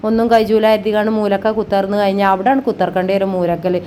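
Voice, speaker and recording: A middle-aged woman, talking warmly to her viewers as if to her own children about her household work, with frequent tag words. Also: mid-range voice, steady tone, fast, slight background noise. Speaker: family vlogger. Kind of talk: homey chatty voice-over about housework.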